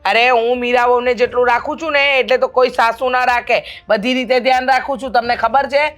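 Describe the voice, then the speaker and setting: Woman as a bossy middle-aged mother-in-law, loud, insistent, fairly high voice, faint music behind. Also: fairly even intonation, a little fast, close to an everyday voice. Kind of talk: amateur family drama acting.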